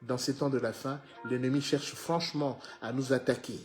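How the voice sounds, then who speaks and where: A man preaching a sermon, swinging from loud exhortation to low hushed phrases, often repeating words and addressing listeners as beloved. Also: fairly even intonation, moderate pace. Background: faint music.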